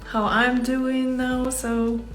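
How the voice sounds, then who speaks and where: Her high, fairly bright voice stays monotone and slow as this Ukrainian embroidery artist, speaking with a Ukrainian accent, hesitantly chats with livestream viewers about her craft and searches for words. She's in a small home workspace, and the reverberant audio has faint music behind it.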